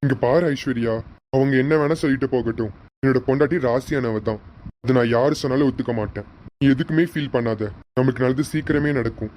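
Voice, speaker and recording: Brief: woman playing a steady young husband, very low, dark, quick. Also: a little hiss or hum. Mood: reassuring. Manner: firm, reassuring. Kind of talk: amateur serial voice acting.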